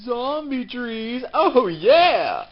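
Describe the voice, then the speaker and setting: Hammy young man shouting skit lines. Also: very high-pitched, big pitch swings, extremely slow. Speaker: student actor in skit. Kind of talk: silly skit acting. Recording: lo-fi video with loud music behind.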